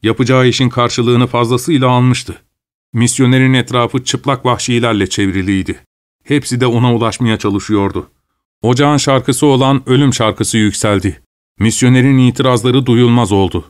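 A man giving a steady, measured scripted narration of a story. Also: medium pitch.

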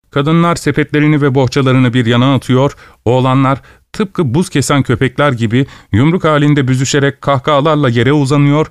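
A man reads a literary story aloud at a measured pace. His voice is smooth and resonant, at a middle pitch. The recording is dry and close, with no room sound. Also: no echo. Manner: measured, descriptive. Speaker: narrator. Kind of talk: scripted narration.

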